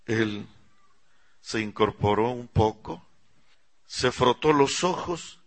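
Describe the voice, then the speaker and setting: A man with a Mexican Spanish accent, a pastor, preaching a sermon as a dramatic first-person story. He swings from hushed pleading to loud cries and asks the audience questions. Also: medium pitch, lively intonation, slow.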